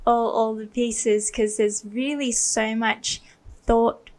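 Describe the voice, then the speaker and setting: A woman's voice: on the high side, flat delivery, slow. A woman who grew up in Thailand, hosting a podcast interview in an eager, chatty way full of "like". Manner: enthusiastic, many "like" fillers. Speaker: podcast host. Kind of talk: casual interview.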